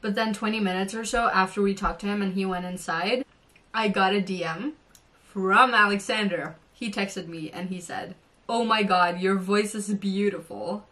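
A young woman from Norway telling an excited story to her camera, gushing and bubbly with many fillers. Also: mid-range voice, moderate pace, distant mic. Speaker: vlogger.

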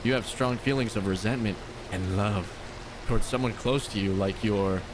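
A man's voice: lowish voice, moderate pace, background noise, natural voice. A man voicing a creepy male fortune teller from a video game, with intimate, insinuating palm-reading patter. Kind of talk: video game dialogue read aloud.

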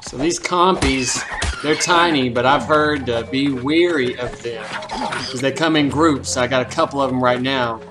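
A man's voice: medium pitch, measured pace, background noise. A man hosting a comedic let's play, boasting and trash-talking the creatures he fights, with a profane, playful manner. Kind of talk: comedic gameplay commentary.

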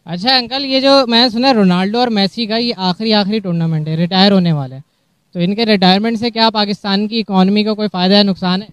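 Street interviewer, young man, teasing and deadpan; high, clean voice, dry close sound, outdoors. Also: fast talker, clean tone, no room sound. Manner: teasing, deadpan mock questions. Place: outdoor park. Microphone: handheld mic.

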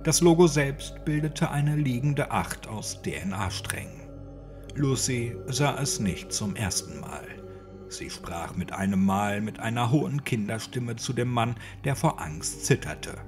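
Expressive male horror narrator. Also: medium pitch, unhurried, over music. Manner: expressive storytelling. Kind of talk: dramatic horror story narration.

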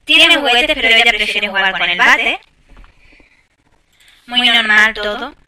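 A woman's voice: medium pitch, unhurried, pushed and bright, recorded from a distance. A woman giving casual gameplay commentary, chatting to viewers with exasperated asides. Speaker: gameplay streamer.

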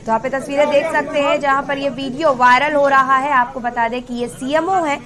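Higher-pitched young female news anchor. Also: steady tone, fairly quick, crowd noise. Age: young adult. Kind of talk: breaking news presentation. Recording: studio voice over news music.

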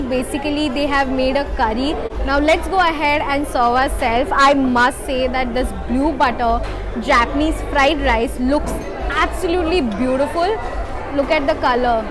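A high-pitched young Indian woman with an Indian English accent gushes through a restaurant food review, slipping between English and Hindi. She talks into a lapel mic. Music plays clearly and a restaurant crowd chatters behind her. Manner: enthusiastic, mixes Hindi into English. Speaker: food vlogger. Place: restaurant indoors, then outdoor garden.

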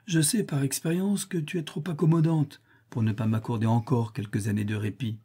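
A man's voice: mid-range voice, fairly even intonation, brisk, dark tone, husky, close to an everyday voice. A man doing a sly mocking old gambler. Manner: mocking, self-assured.

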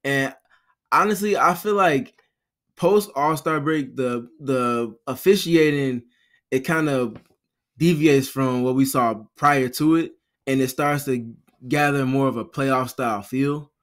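A man guesting on a sports podcast, speaking in a measured, wordy, somewhat formal way. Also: medium pitch, fairly bright tone. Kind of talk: casual sports podcast chat.

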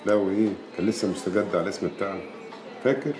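An actor playing a wary, gruff older Egyptian gang elder in a film drama. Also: male voice, lowish voice, rapid-fire, natural voice. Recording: roomy film scene with music.

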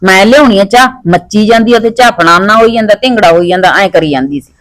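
A woman playing a sharp-tongued middle-aged mother-in-law who scolds and nags in a family skit. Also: medium pitch, fast talker, natural voice, low-quality recording. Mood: scolding. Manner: scolding, nagging. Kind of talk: scripted domestic skit acting.

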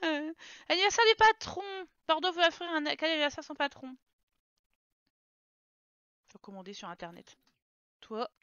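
A woman's voice: high voice, expressive, normal speed, pauses often, bright, forceful tone, dry recording, muffled recording. A woman streaming a life-sim game from home, chatting casually and talking to her game characters. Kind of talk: casual live gameplay commentary.

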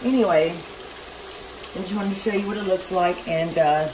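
Chatty and self-deprecating, a Southern-accented home cooking vlogger rambles through a casual demonstration at a slightly slow pace. Her pitch is fairly low. The kitchen recording is noisy from a loud fan, with an overhead camera trained on the stove.

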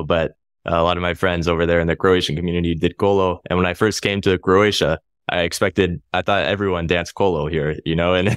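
A man's voice: low-pitched, clean tone, no echo. A man, hosting a podcast interview in a casual, chatty way from a small home studio. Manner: relaxed, chatty, laughs often. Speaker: podcast host. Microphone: studio mic on boom arm, headphones.

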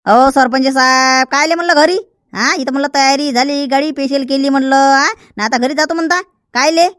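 Woman playing an eager errand boy, high, fast, dry sound. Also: fairly bright tone, no echo. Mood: urging. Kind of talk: village comedy skit.

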